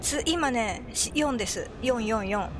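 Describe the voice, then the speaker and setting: A woman commentating on a horror game as she plays, excitable and prone to crying out when scared. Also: fairly high pitch, measured pace, background noise. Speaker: video game player.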